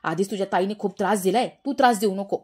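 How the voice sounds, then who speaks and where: A woman's voice: medium pitch, fast talker, a little mellow, husky, close to an everyday voice. A woman reading the part of a worried, stern middle-aged village father, scolding and pleading by turns in a serial recap. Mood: angry.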